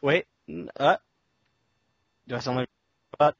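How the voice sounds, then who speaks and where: A man's voice: medium pitch, a little slow, husky, dry recording. Man, glitching breaking-up call audio, casual podcast chat, dull lo-fi line, dry sound. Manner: frustrated, swearing at the connection. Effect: glitching, breaking-up online call audio. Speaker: podcast co-host. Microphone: internet voice call.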